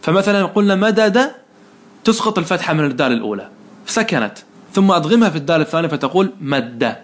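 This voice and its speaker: A male teacher talks fast in a fairly high voice as he walks a student through grammar rules. He keeps firing short questions and praising correct answers. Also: big pitch swings. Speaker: teacher of Arabic morphology. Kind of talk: one-on-one lesson, question and answer.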